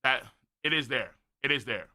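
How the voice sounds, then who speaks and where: A man streaming a live manga reaction, excitable and profane, full of slang. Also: mid-range voice, normal speed.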